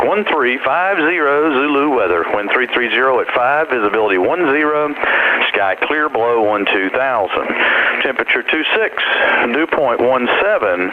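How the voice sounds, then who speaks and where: A man reads out the airport weather broadcast, digit by digit in clipped aviation phrasing, his pitch lifting and falling in a lively way. The voice comes through a thin, tinny radio line. Loud static hisses under it. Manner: measured, lists numbers one digit at a time. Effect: recorded airport weather broadcast over aircraft radio.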